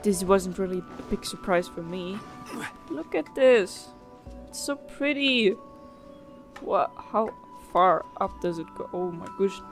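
A woman's voice: fairly low pitch, measured pace, soft background music. A young woman giving casual, reactive let's play commentary in a rambling way. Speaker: gaming let's player.

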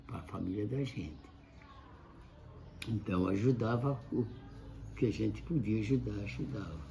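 A very old man in his eighties with a Brazilian accent, chatting casually in halting, repetitive, plain words as he recalls his life. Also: lowish voice, dark tone. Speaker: grandfather sharing life lessons. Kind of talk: casual reminiscing chat. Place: indoor kitchen-like room, seated at a table. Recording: clearly noisy room ambience.

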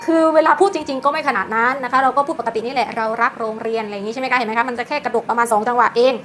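A woman teacher giving a pronunciation lesson aimed at parents, explaining quickly and exaggerating rolled r sounds to demonstrate them. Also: on the high side, steady tone, a bit bright, a little hiss or hum.

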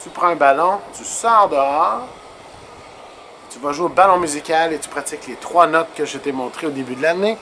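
A man's voice: fairly high pitch, normal speed, sharp tone, a little hiss or hum, low-quality recording. A man teaching a children's music lesson outdoors, counting beats aloud as he bounces a ball.

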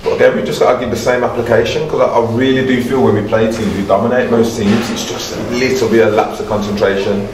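This is a lowish, level-toned man talking quickly with hardly any pauses: a middle-aged football manager in a casual post-match interview who keeps repeating himself and calling the listener mate. Background noise is heavy, with crowd chatter echoing through the indoor block-walled corridor, caught on a distant mic in a roomy space.

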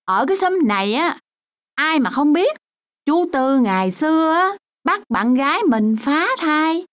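A harsh, dismissive mother in a radio play. Her voice is high and swoops widely. She fires back with sarcastic, sharp retorts. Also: big pitch swings, a little slow. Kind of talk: radio drama acting.

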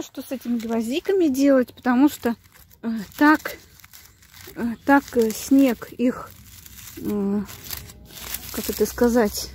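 A woman casually vlogging outdoors from her garden and chicken yard, unhurried and searching for words, cooing fondly at her hens. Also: high-pitched, darkish tone, a little hiss or hum. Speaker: village vlogger. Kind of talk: casual walk-and-talk vlog.

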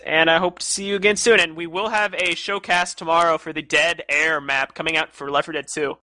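A man's voice: on the high side, steady tone, a little fast, sharp tone, no room sound. A young man casting an online game match live, joking and bantering with his co-casters. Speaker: esports caster. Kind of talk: live esports commentary wrap-up.

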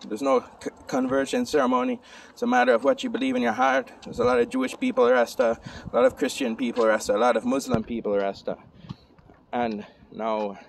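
A man's voice: high-pitched, very animated, a little fast, creaky. A young man talking in Rasta speech to camera, reasoning informally with insistent, preacher-like repetition. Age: young adult. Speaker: vlogger. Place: outdoors under open sky and trees. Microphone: phone held at arm's length. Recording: distant phone recording with outdoor noise.

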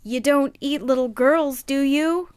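A woman voicing a kind, timid little girl in a children's puppet show, sweet and deliberate. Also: sits high, no echo. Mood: nervous.

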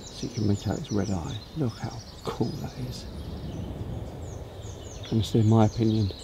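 A man's voice: on the low side, steady tone, normal speed, vocal fry. A British man in his thirties chatting casually to camera as he vlogs about wildlife outdoors. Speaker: wildlife vlogger. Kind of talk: casual vlog chat to camera while out walking. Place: outdoors on heathland and in open woodland. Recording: outdoor background noise, birdsong and ambience.

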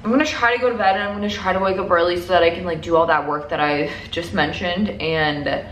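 A woman's voice: on the low side, steady tone, fast talker, a bit bright. A young woman chatting casually to camera as a lifestyle vlogger, rambling along and peppering her sentences with "like". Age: young adult. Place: indoors at home, mostly a living room or bedroom. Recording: echoey room with faint noise.

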